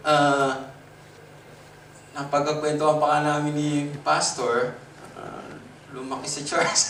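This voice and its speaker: A man with a Filipino accent preaching a lively sermon, switching between Tagalog and English, with sudden jumps in pitch and loudness and frequent laughter. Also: a little hiss or hum. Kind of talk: Taglish sermon. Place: church worship service. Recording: echoey hall, from a distance.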